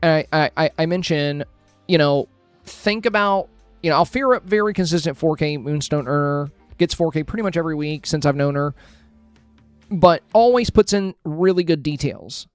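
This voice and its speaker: A man's voice: a little high, moderate pace, clean tone, no echo, soft background music. Chatty man giving friendly critiques. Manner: friendly, thinking aloud with many fillers and restarts. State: hiccuping, with a headache. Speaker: streamer reviewing game screenshots. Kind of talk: casual live-stream review commentary.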